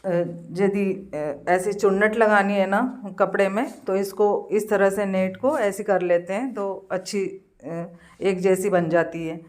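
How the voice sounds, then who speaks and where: A woman with a hoarse voice from a cold, casually narrating her daily routine and walking through a sewing job step by step, with pauses and fillers. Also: medium pitch, steady tone, a little mellow. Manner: slow, homely step-by-step explaining with many pauses and fillers. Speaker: home vlogger.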